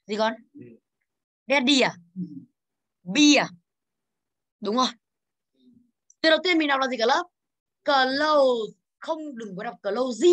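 A Vietnamese woman in her thirties teaches English in a classroom, her voice high and bright. She moves briskly through exercises, calling students by name and drilling their pronunciation.

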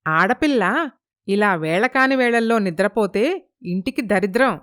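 A woman voicing a domineering mother-in-law who scolds her son's wife with a sharp tongue. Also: medium pitch, expressive, a little slow. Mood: nagging. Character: domineering middle-aged mother-in-law, harsh.

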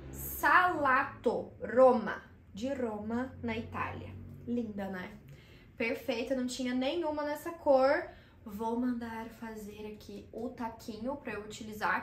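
A young woman talks fast and fondly through her haul, filling gaps with little asides. Her voice sits a touch high. The recording has a roomy, echoey sound from the room at home. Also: fairly bright tone. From Brazil. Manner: chatty and enthusiastic, full of fillers. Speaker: vlogger showing thrift finds. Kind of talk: casual haul vlog. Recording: roomy echo in a small room.

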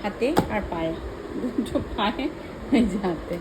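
A woman's voice: mid-range voice, moderate pace, very noisy. A young woman chatting casually in a home vlog, narrating what she is doing as she goes. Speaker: vlogger.

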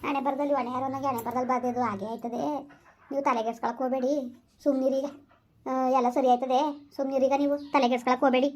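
A woman's voice: high voice, level tone, rapid-fire, darkish tone, a little hiss or hum, close to an everyday voice. A woman playing a grieving village woman who laments and scolds while consoling her family in a rural family drama.

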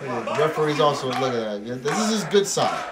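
A man's voice: medium pitch, sing-song, moderate pace, a loud crowd. A man giving live wrestling commentary, emphatic and wisecracking, often repeating his phrases for effect.

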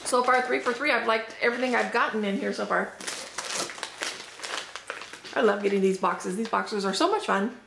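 A woman's voice: on the high side, normal speed, gravelly, long pauses. Chatty woman tasting snacks, roomy echo. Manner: chatty, upbeat, thinking aloud. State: slightly hoarse. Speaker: unboxing vlogger. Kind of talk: casual product tasting review. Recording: roomy echo, faint background noise.

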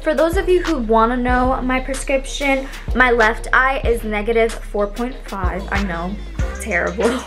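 A young woman vlogger chatting casually through an unboxing, bubbly and gushing with excitement. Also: a little high, unhurried, faint music behind. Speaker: beauty vlogger.

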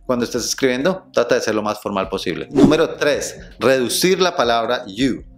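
A young man from Latin America giving a casual English lesson in Spanish, with lively delivery, saying English phrases slowly and then quickly to show how they sound. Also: mid-range voice. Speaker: English teacher.

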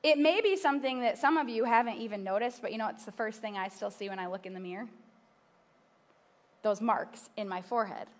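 A woman's voice: on the high side, brisk. A woman in her thirties preaching on a church stage, telling personal stories in a conversational way with asides to the audience. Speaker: pastor. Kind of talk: sermon.

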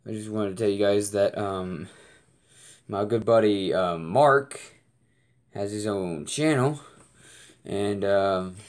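A man hosting a reaction video, talking casually and hesitantly with many pauses and fillers. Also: fairly low pitch. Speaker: host of a reaction channel.

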